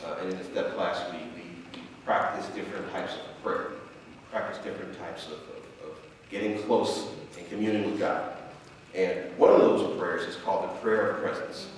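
A man's voice: low-pitched, steady tone, moderate pace, a little hiss or hum. A man in his forties preaching a sermon to a church as its preacher. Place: church stage, indoors. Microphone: headset. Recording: very echoey hall, distant, loud music. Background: instrumental music.

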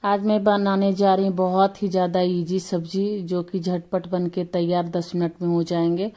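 A woman's voice: lowish voice, level tone, moderate pace, warm tone. A woman with a slightly sore throat hosting a casual home cooking tutorial in her kitchen, chatting homely and correcting herself as she goes. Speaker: cooking channel host.

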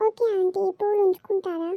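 A woman's voice: very high-pitched, fairly even intonation, brisk, no echo, highs cut off. A woman voicing a polite young female visitor back from abroad in a cartoon, pleading and courteous.

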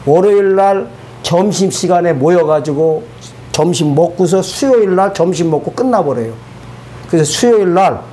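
A man giving a spoken testimony to a church congregation, animated and colloquial, asking the audience rhetorical questions. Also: on the high side, a little hiss or hum.

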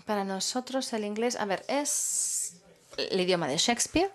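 Interpreting simultaneously at a public talk, a woman speaks animatedly at a medium pitch. Her phrasing is measured, broken by pauses while she looks for the next word.

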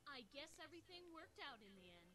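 A woman voicing young female cartoon ponies in a crude parody, delivering absurd lines deadpan. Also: high-pitched, fast. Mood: goofy deadpan. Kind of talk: fan parody cartoon voice acting. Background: loud music.

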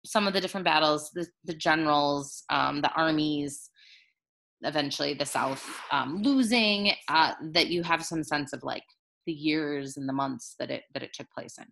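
A woman's voice: low voice, normal speed, vocal fry, a bit bright. A woman teacher talking casually through a recorded video lesson, rambling a little with fillers and restarts. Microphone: handheld recording device, jostled.

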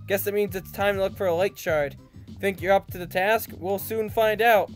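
A man's voice: sits high, fairly even intonation, moderate pace. A man giving casual, playful gaming commentary, reading game dialogue aloud and teasing with some swearing. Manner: playful, teasing, foul-mouthed. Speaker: let's play host. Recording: light game music behind voice. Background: video game music.

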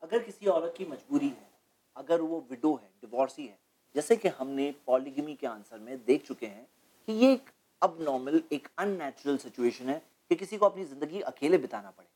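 A man's voice: a little high, expressive, moderate pace, mellow, husky. Male guest speaker, studio interview, lecturing and explanatory, fond of rhetorical questions. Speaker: guest speaker on Islamic topics.

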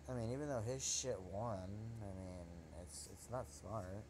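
Young male gamer, lowish voice, cocky trash-talk play-by-play, faint hum under the mic. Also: unhurried. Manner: trash-talking, excitable, swears at opponent. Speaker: gaming channel host. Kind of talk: live gameplay commentary.

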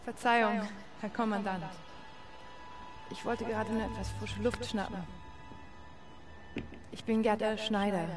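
Woman doing calm polite undercover spy lady, game music going loud underneath. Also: medium pitch, a little slow, pauses often, natural voice. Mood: composed. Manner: polite, composed. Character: composed female undercover agent. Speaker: game character. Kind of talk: video game acting.

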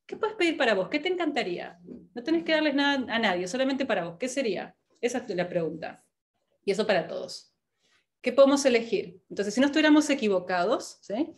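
Brief: woman, workshop facilitator, lively and questioning, quick to laugh. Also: on the high side. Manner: animated, asks many rhetorical questions, laughs often. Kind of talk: live coaching workshop.

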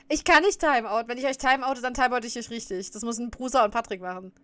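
A woman's voice: a little high, a little fast, fairly bright tone, no echo. A woman streamer chatting casually while reacting to a clip, often laughing and scolding her viewers.

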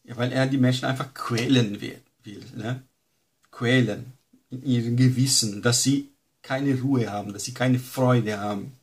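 Male Bible teacher, mid pitch, chatty teaching style. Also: fairly even intonation, measured pace. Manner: conversational, frequent tag questions. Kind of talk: informal teaching lesson.

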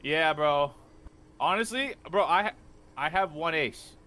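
A man's voice: fairly high pitch, a little slow, sharp tone. A young man in casual gaming banter over voice chat, insistent, profane and slangy like a frat bro. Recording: game music behind voice chat.

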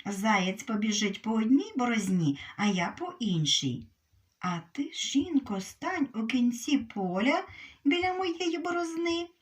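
Woman as a crafty storybook hedgehog: sly, lively, slightly distant sound. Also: fairly high pitch, measured pace. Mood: scheming. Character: cunning clever male hedgehog.

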